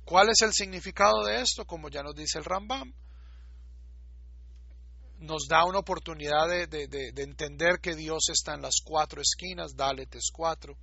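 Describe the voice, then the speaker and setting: A man's voice: fairly high pitch, moderate pace, vocal fry, pushed and bright, breathy edge, no echo, dull audio. A man giving a recorded lecture, explaining patiently and repeating words to show how they are pronounced. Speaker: teacher.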